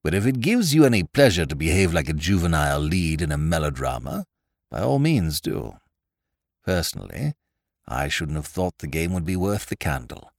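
A man voicing a cool, sardonic gentleman gambler who drawls his insults. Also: low-pitched, big pitch swings, normal speed, gravelly, no echo, clean studio sound, pitched below the performer's own voice, heavily acted.

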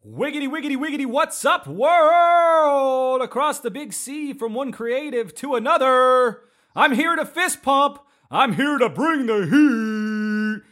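This man's voice is extremely high-pitched and fairly bright, moving at a measured pace. He hosts a podcast and interviews guests in an upbeat, exuberant, playful way, keeping it informal and full of slang.

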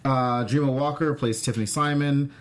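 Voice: mid-range voice, fairly even intonation, normal speed, a little hiss or hum. A host leading a casual chat about a TV show, talking with lots of fillers and restarts. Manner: chatty, many fillers and restarts. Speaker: podcast host.

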